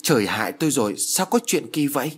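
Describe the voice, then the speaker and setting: A man voicing a stern middle-aged male court bailiff who reads out orders formally, in a husky voice. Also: mid-range voice, big pitch swings, moderate pace. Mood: flustered. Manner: formal, pompous reading of orders.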